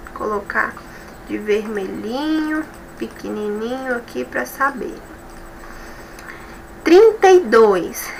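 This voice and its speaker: A woman teacher with a Brazilian Portuguese accent explains each step slowly and patiently, checking again and again that her students follow. Her voice is bright and sits a little high. A faint hiss runs under the recording. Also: creaky, poor audio. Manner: slow, explanatory, repeats rules and checks with "tá bom?". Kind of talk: recorded school review lesson.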